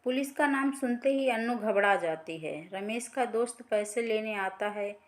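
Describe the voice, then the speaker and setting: A woman storyteller reading a scripted family drama in an even, plain manner. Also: mid-range voice, a little slow.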